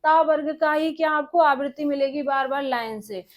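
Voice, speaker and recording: A woman teaching an exam-prep grammar lesson, dictating and repeating phrases so students can write them down, and answering her own questions. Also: high-pitched. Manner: dictating slowly, repeating phrases for note-taking.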